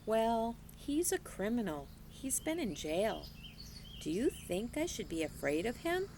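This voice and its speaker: Curious storybook girl, eager questions, animated pitch; woman reader voicing her. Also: unhurried, slight background noise. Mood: earnest.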